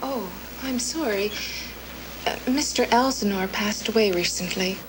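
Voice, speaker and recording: An actress playing a polite, formal receptionist. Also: female voice, mid-range voice, unhurried, noisy background, close to an everyday voice. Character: polite adult woman receptionist. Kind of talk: film comedy dialogue.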